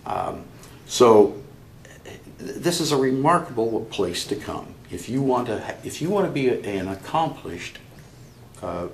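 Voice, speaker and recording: Gravelly older man telling stories. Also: mid-range voice, big pitch swings, reverberant, slight background noise. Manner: halting, many restarts, laughs at own stories. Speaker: interview guest, chapter member. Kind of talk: conversational storytelling.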